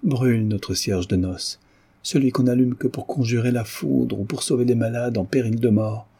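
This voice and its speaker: A man's voice: mid-range voice, moderate pace, vocal fry, mellow, slightly rough. A man reading aloud, voicing a frail, anxious old mother who speaks in an imploring way. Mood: pleading.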